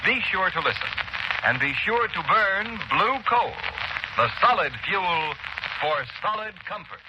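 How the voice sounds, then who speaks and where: A man's voice: sits high, expressive, a little slow. A man announcing a scripted 1930s radio programme and its sponsor message in a formal, emphatic, projected manner. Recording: muffled, noisy 1930s radio recording.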